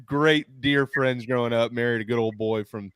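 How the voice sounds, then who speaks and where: Brief: male sports radio co-host, joking and teasing, mid-pitched, dry close recording. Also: fairly even intonation, normal speed, fairly bright tone, clear, resonant tone, dry recording.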